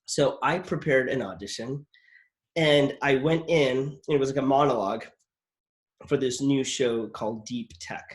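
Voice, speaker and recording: Here a man with a medium-pitched voice speaks at normal speed. As the host of a casual interview podcast and an actor himself, he tells meandering stories from his acting jobs, heavy on "like" and full of restarts.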